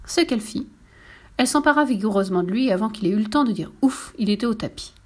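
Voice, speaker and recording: A woman narrating a children's storybook with a lively, expressive reading. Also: medium pitch, fast.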